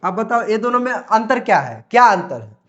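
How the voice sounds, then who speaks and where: A man teaches grammar to students. He explains patiently, repeating each point and drawing out his example sentences slowly word by word. The recording is dull and lo-fi. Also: high voice, big pitch swings, fairly bright tone. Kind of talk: classroom lesson explanation.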